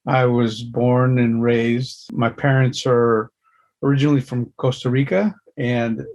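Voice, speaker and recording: This middle-aged guest, a concept artist from Los Angeles, enthusiastically retells a story in a casual interview, speaking his character's thoughts aloud. His medium-pitched voice is steady, unhurried and a little mellow.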